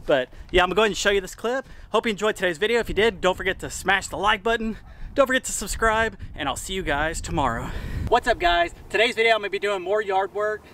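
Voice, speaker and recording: Tired man vlogging outdoors. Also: high-pitched. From Texas. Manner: relaxed, chatty, many fillers like "uh". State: tired after a day's work. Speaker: homesteading vlogger. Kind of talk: casual vlog talk to camera. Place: outdoors on a rural property. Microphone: camera mic, from a distance. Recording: distant outdoor camera audio, faint noise.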